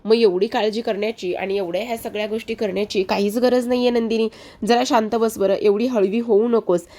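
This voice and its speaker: A woman's voice: fairly high pitch, steady tone, fairly quick, dark tone, close to an everyday voice. A woman voicing an older man who firmly but kindly scolds a worried young woman. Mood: chiding. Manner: chiding, firm.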